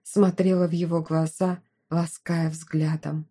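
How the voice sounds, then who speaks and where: Woman narrating in a mellow voice. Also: sits low, level tone, a little slow, breathy edge. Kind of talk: audiobook reading of a fantasy novel.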